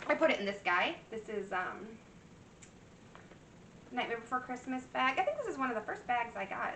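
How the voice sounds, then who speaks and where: This cross-stitch vlogger, a woman in her thirties, chats and rambles casually while showing her craft projects, with lots of fillers and restarts. Her voice is a little high, a bit bright and slightly worn. Recorded in an echoey room with the mic far off, there's slight background noise.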